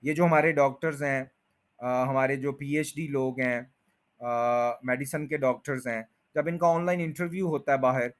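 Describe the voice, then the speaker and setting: A man teaching English pronunciation, patiently explaining and slowly repeating each word with drawn-out stressed syllables. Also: mid-range voice, steady tone. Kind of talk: spoken lesson.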